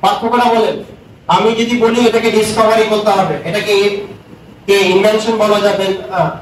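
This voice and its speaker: Brief: male lecturer, high voice, picked up from a distance in a classroom. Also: steady tone, normal speed. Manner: questions the class, mixes English terms. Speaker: university lecturer. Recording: echoey room, distant mic, noisy.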